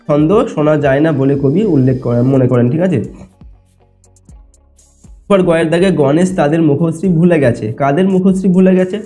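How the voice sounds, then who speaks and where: A man's voice: a little high, dark tone. Man teaching with background music. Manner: explanatory, checks in often with "ঠিক আছে?". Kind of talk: exam answer walkthrough lesson.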